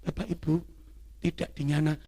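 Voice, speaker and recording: A middle-aged man gives a loud, lively religious teaching talk to a congregation, telling stories and often asking the audience to agree. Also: on the high side, moderate pace, husky. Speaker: lay church speaker.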